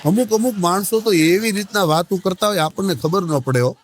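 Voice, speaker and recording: A man's voice: sits high, a little fast. A man telling folksy stand-up jokes, acting out both sides of each dialogue. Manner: folksy storytelling, addresses the audience as sahib, acts out both sides of dialogues. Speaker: stand-up comedian. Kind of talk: Gujarati stand-up joke telling.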